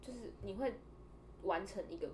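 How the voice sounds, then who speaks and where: A woman's voice: medium pitch, normal speed, slight background noise. A woman co-hosting a podcast, chatting casually and telling a funny story, laughing often and acting out the dialogue. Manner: animated, laughs often, acts out quoted dialogue. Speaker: podcast co-host.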